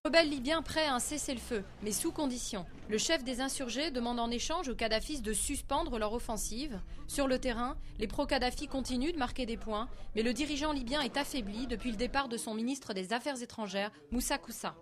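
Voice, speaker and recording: A woman's voice: fairly high pitch, fairly quick, slight background noise. Woman reading news headlines. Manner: crisp headline delivery. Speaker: news anchor.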